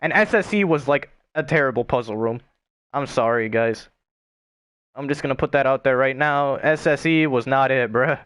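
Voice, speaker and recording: A man's voice: medium pitch, moderate pace, fairly bright tone, smooth, no room sound. A young man chatting casually on a gaming stream, rambling and swearing with lots of filler words.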